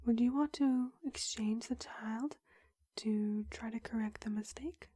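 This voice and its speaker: A young woman whispers close to the mic in a breathy, mellow voice, slightly high. She plays a clinic counselor in ASMR roleplay and asks slow questions with unhurried pauses. The sound is dry and intimate. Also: fairly even intonation, no echo. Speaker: ASMR creator.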